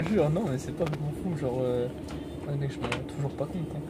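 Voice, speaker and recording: Young man, slightly high voice, excitable slangy vlogger, joking chat, very loud road and vehicle noise. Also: fairly quick. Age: young adult. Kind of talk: casual chat to camera and friend. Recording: noisy vlog audio with loud vehicle rumble.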